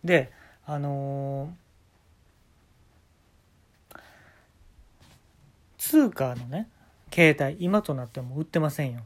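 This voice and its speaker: Young Kansai-accented man, casual solo talk host, deadpan storyteller with abrupt high jumps in his voice. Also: very slow, long pauses. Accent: Kansai Japanese. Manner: deadpan telling of absurd tales with sudden pitch jumps.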